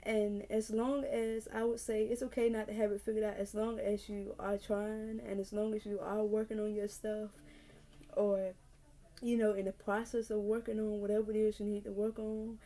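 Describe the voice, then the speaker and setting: A woman's voice: mid-range voice, little pitch movement, moderate pace, warm tone. A nineteen-year-old woman from North Carolina, talking earnestly to her camera in a casual vlog and repeating her points to encourage the viewer. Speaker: vlogger. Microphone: camera mic.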